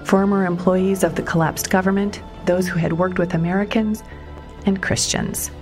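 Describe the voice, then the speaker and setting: A woman reporter narrating a documentary story in a measured storytelling way, sometimes stressing questions. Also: fairly low pitch, fairly even intonation, darkish tone. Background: music underneath.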